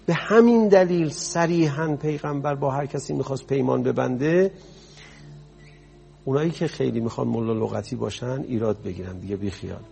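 A man's voice: medium pitch, vocal fry, warm tone, slight background noise. A man preaching a sermon, telling stories in a conversational way that rises to impassioned emphasis. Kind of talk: storytelling sermon.

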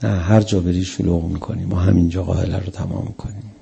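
A man's voice: deep voice, little pitch movement, gravelly, mellow, husky. A male preacher delivering a mourning sermon, telling the story with emotion and acting out the quotes.

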